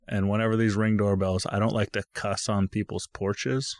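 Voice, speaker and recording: A man's voice: fairly low pitch, little pitch movement, moderate pace, a little mellow, no echo, clean studio sound. A man in his thirties telling rambling stories in casual podcast chat, swearing freely. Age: 30s. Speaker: podcast co-host.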